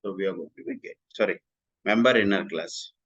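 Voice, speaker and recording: A man's voice: deep voice, a little fast, husky, dull audio. Man teaching code, repeating his points. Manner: repetitive, steady explaining, often restates lines. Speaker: programming instructor. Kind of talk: recorded coding lecture.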